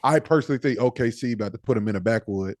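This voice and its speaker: A man's voice: mid-range voice, very fast, darkish tone, no echo, studio quality. A man co-hosting a podcast, talking basketball in a laid-back way and thinking aloud with fillers. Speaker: podcast co-host. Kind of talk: casual sports talk.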